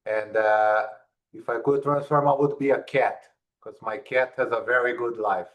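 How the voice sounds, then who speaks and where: A man from Ohio speaks in a measured, polite way while introducing himself to an online group. His voice is of ordinary pitch. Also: fairly even intonation, a bit bright. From Cleveland, Ohio. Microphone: video call.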